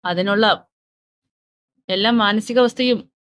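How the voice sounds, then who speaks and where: A woman voicing a calm, restrained young wife who answers slowly and firmly. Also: medium pitch, clear, resonant tone. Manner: measured, slow, restrained.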